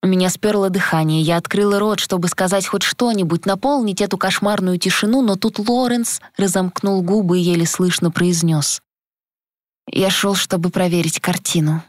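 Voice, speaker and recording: A woman narrating an audiobook in the first person, reading in a measured, expressive way. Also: mid-range voice, no room sound.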